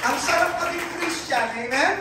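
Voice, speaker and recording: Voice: high-pitched, moderate pace, over loud music, a loud crowd. A preacher with a Filipino accent giving a sermon, often turning to the congregation for an amen. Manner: keeps asking the congregation for an amen. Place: church hall. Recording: very echoey room, speaker far from mic.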